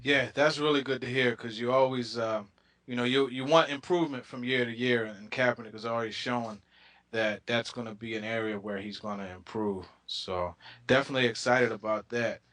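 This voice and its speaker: A man co-hosting a sports talk show, talking in a relaxed, friendly way with plenty of fillers. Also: medium pitch, brisk. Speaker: co-host.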